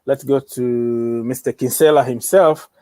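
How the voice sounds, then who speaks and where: Slow, joking man hosting a football stream. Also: medium pitch, steady tone, dark tone, no echo. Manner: loose, joking, talks straight to viewers. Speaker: livestream host of a football channel. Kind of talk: casual livestream chat.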